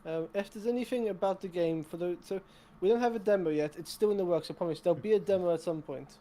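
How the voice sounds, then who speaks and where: A man's voice: sits high, fast, dark tone. A young man co-hosting a casual game-development chat on a call, rambling and self-deprecating with many restarts. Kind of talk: casual chat over gameplay.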